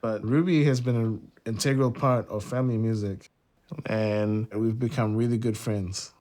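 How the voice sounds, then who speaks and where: This man's voice is fairly low and dark, with fairly even intonation and a moderate pace. He's a jazz musician, born in Singapore and raised in New Zealand, reflecting thoughtfully in a documentary interview and frequently hedging with "like" and "sort of."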